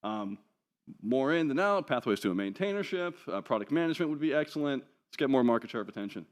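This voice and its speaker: A man gives a conference talk from slides in a conference hall, casual and chatty, with wry asides, offhand jokes, and plenty of ums. He has a New Zealand accent and a mid-range voice with lively intonation and a quick pace.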